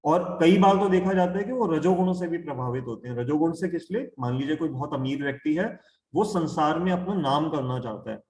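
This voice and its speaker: A man teaching an online scripture class, explaining slowly and repeating key terms, asking questions and answering them himself. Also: a little high, darkish tone, reverberant. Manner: asks and answers his own questions. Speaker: Gita teacher. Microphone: video call.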